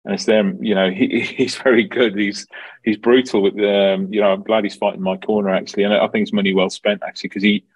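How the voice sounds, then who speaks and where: A man's voice: lowish voice, little pitch movement, a little fast, husky, dry recording. A man with a Dublin Irish accent giving informal, explanatory answers in an interview about his work. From Dublin, Ireland. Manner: explanatory, informal, peppered with 'you know'. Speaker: farm manager, interview guest.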